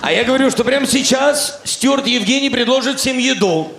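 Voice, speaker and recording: An actor playing a flustered, bossy airline captain in a comedy sketch, moving between official announcements and exasperation. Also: male voice, very high-pitched, moderate pace, creaky, over music. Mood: official, dry. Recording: echoey stage recording, noisy background.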